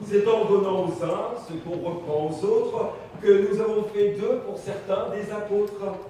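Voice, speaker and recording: A man's voice: sits high, fairly even intonation, a little slow, dark tone. A man playing a smug, pompous big-business boss who gives a mock-solemn, sneering speech in verse to a crowd in a large hall. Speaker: satirical performer. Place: large meeting hall with audience. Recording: echoey hall, far mic, noisy room.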